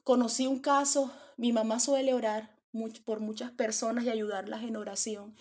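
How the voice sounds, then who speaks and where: A woman's voice: on the high side, little pitch movement, normal speed, darkish tone. A woman preaching a sermon, telling stories dramatically and acting out the voices. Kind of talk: sermon storytelling.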